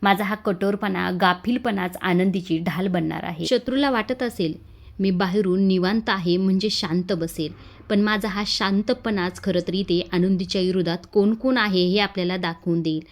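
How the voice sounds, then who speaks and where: A woman's voice: mid-range voice, fairly even intonation, moderate pace, lightly acted. Woman reading a firm household patriarch. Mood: resolved. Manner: firm and commanding. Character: worried, commanding head of the household, man.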